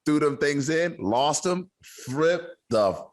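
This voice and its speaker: A man hosting a podcast interview, talking in a relaxed, slangy way. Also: on the high side. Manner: relaxed, slangy, quick to laugh along. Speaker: podcast host. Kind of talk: casual interview talk.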